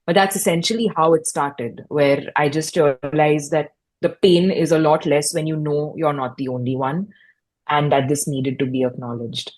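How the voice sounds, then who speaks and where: Low-voiced woman telling her story. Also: steady tone, normal speed, a little mellow. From India. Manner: reflective, personal storytelling with frequent restarts. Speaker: guest, mental health podcast host. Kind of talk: fireside chat.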